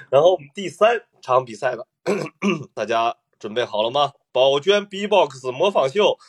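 Husky, lively joking male host. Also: medium pitch, unhurried. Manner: playful, teasing emcee. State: coughing. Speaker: podcast host. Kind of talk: casual comedy podcast chat.

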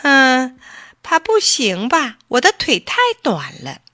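A boastful fox in a storybook barks out orders and scoldings, voiced by a woman. The voice is bright and lively and swings up and down. The recording is close and dry. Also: sits high, slow pace, dry recording, pitched above the performer's own voice, exaggerated voice. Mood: hesitant. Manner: bossy, scolding, loud. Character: boastful fox copying a tiger, quick-tempered.

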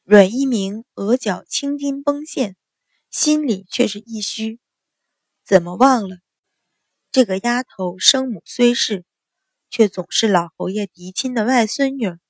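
A woman narrating a storybook in a steady, expressive way. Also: on the high side, a little slow, no echo, studio quality. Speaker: audiobook narrator. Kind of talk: scripted narration.

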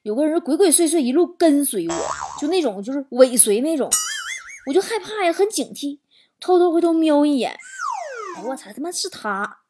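A woman talk show host, telling stories in an animated, exaggerated comic monologue. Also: high voice, brisk, slight background noise. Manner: animated, exaggerated storytelling with swearing and laughter. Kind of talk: comedic monologue.

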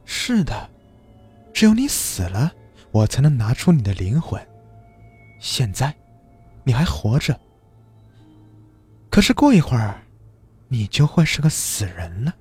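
A man's voice: fairly high pitch, huge pitch swings, unhurried, pauses often, dark tone, slightly rough, faint music behind, voice pushed up, heavily acted. A man voicing a cruel female demon who steals souls, speaking coldly and with scorn. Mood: cold, mocking. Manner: cold, mocking, scornful.

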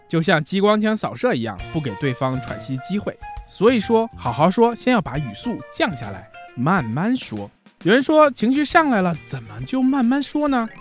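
A man with a high, bouncy voice hosts a relationship advice radio show. He explains each point in a chatty, lively way and acts out the lines he quotes. Soft music plays behind him. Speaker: radio host.

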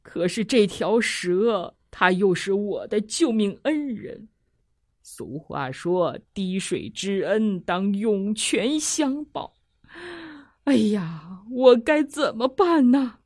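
Woman narrator doing a worried old woodcutter father, older than 60, hushed and sighing, for a kids' story. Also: medium pitch, lively intonation, slow pace, dry recording, clean studio sound. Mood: anxious.

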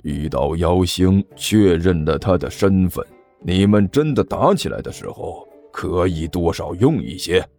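Man voicing an old sect master, very deep, gravelly, sly, slow coaxing drawl, storybook reading. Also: lively intonation, darkish tone, faint music behind, full character voice. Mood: explaining. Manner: slow, drawn-out, placating. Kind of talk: storytelling narration with character voices.

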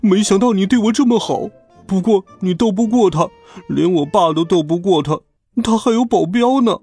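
A man's voice: high voice, normal speed, warm tone, husky, faint music behind, pitched above the performer's own voice. A man voicing a chubby schoolboy who whines and sobs through his words in a storybook reading. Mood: sobbing. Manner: sobbing, whiny. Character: chubby crying schoolboy, whiny and blubbering.

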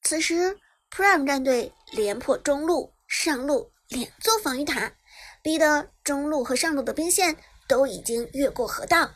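A woman narrating a web novel chapter in brisk storytelling style, lifting her voice on the action. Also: high voice. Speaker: audiobook narrator. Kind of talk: scripted narration.

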